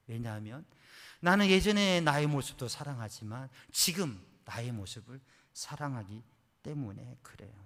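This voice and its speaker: A man quoting a young woman who was injured in an accident, in a soft, gentle voice. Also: medium pitch, expressive, moderate pace, long reverb tail. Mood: calm, content.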